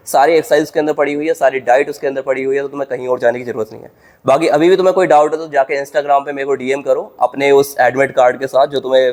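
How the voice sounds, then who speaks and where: A young man speaks rapidly, in a brisk, informal way, addressing his viewers directly as if coaching them. His pitch sits in an ordinary middle range. He is recording a casual advice vlog from inside a gym. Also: darkish tone. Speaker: exam coaching YouTuber.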